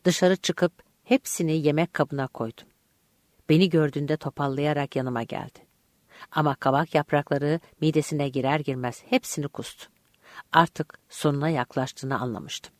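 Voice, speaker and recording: An audiobook narrator reading a first-person story aloud in an expressive, vivid way. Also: medium pitch, moderate pace, no room sound.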